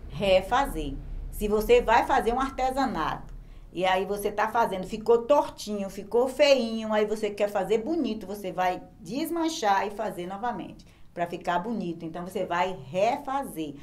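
A woman's voice: mid-range voice, lively intonation, moderate pace, a little mellow. A woman teacher with a Brazilian Portuguese accent gives a remote lesson to young children. She explains patiently and sounds out words syllable by syllable. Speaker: primary school teacher.

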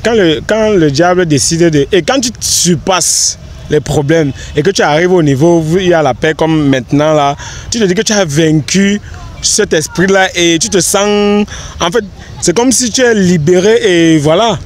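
A man's voice: high voice, normal speed. A young man, answering questions on a park bench in an earnest, rambling way with many restarts. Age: young adult. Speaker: interviewee, content creator. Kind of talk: casual outdoor interview. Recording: faint outdoor street noise.

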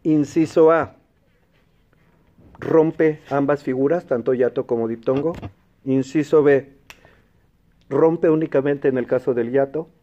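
A Mexican man with a Mexican Spanish accent hosts an educational quiz show, speaking clearly and patiently and repeating the answer options slowly. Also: mid-range voice, fairly even intonation, warm tone. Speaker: quiz host and teacher. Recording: dull lo-fi broadcast sound.

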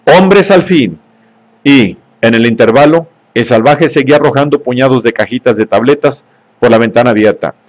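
Male audiobook narrator, steady and measured, mid pitch. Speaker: audiobook reader.

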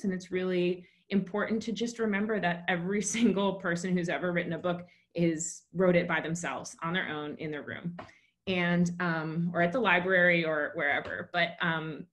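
A woman's voice: fairly low pitch, fairly bright tone. A woman novelist reading from her book, then talking casually about writing with many fillers, over a video call. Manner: plain, with many fillers in talk.

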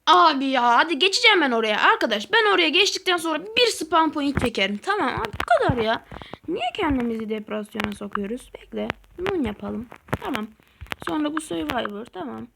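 A woman giving excitable, easily frustrated let's-play commentary as a gaming channel host, talking to herself while she plays. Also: high voice, fairly quick, gravelly, background noise.

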